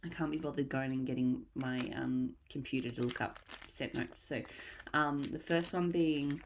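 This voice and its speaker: Low, gravelly-voiced woman vlogger. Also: steady tone, normal speed, a little hiss or hum. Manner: chatty, rambling, thinking aloud. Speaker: vlogger reviewing wax melts. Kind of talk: casual haul review chat.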